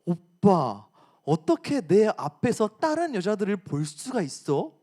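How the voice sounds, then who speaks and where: A man's voice: high-pitched, sing-song, measured pace, dark tone, exaggerated voice. A man acting as an upset teen girlfriend. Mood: indignant. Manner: pleading, accusing. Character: upset teenage girlfriend scolding her boyfriend.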